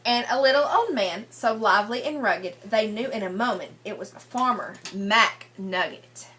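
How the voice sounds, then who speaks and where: Reading a picture book aloud to little kids, a female teacher poses questions, gives explanations, and often repeats the children's answers as prompts. Her medium-pitched voice is fairly bright and moderately paced, with a little hiss or hum on the recording.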